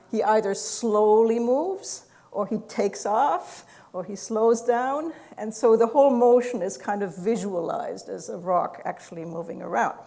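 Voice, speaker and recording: A woman gives a university lecture in a voice with a gravelly edge and an ordinary mid-range pitch. Her manner is explanatory, and she often fills pauses with "uh" and laughs softly now and then.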